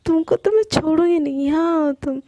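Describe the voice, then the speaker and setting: A strict, caring young woman scolds and lectures in a spoken love story, as a woman puts her on. Her voice is high and mellow, with a touch of fry. The sound is dry. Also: fairly quick, no echo, lightly acted. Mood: scolding. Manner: scolding, stern.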